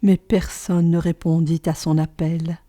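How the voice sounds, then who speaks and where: A woman telling a story on a children's podcast in an expressive, dramatic way. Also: deep voice, a little slow.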